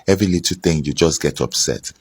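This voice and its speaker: A man's voice: very deep voice, fast talker, breathy edge, no room sound. A young man bluntly scolding his audience on camera indoors, using an earphone mic. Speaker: commentator. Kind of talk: opinionated rant to camera. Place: indoors, small room. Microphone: wired earphone mic.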